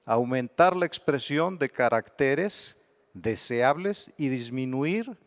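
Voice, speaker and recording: A middle-aged man with a Mexican accent giving a conference lecture, explaining terms patiently with examples. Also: medium pitch. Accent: Mexican Spanish. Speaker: bee researcher giving a lecture.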